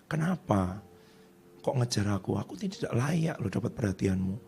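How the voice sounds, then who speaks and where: A middle-aged male pastor preaching a sermon in a lively, conversational way, acting out the voices of people he quotes. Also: fairly low pitch, moderate pace, vocal fry, slight background noise.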